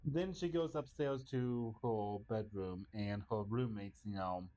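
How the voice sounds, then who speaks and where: A man's voice: on the low side, a little slow, dark tone, muffled recording. Tired young man recapping hesitantly. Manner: hesitant, lots of ums, recapping a plot. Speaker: podcast co-host. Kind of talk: casual chat.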